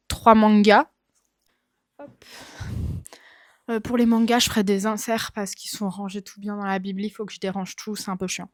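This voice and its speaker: A woman's voice: mid-range voice, no echo. Chatty young woman, dry close sound. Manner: chatty, thinking aloud with many fillers. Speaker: book vlogger. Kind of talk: casual chat. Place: home with bookshelves. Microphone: phone camera.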